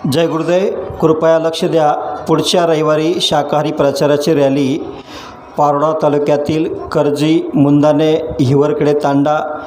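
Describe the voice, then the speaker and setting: A man making a rapid public announcement, heard through an outdoor loudspeaker. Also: a little high, little pitch movement, echoey room, background noise.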